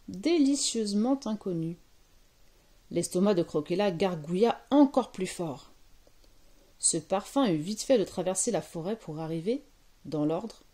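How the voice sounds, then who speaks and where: A woman reads a children's story aloud from her sofa at home. She takes her time, unhurried and deliberate, while her voice stays expressive and full of life. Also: mid-range voice.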